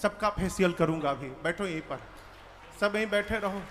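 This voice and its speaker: A man voicing a mighty monkey god who orders demons to sit still in a hushed, commanding, teasing way. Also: high-pitched, normal speed, a little hiss or hum, pitched below the performer's own voice. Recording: reverberant hall with faint music.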